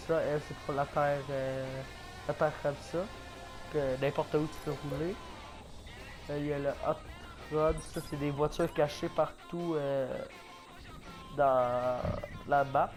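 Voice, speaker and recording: This man, a Québécois gaming YouTuber, speaks in a fairly high voice on a rough recording. Sick with a cold and coughing, he offers hesitant, casual game commentary packed with fillers and restarts.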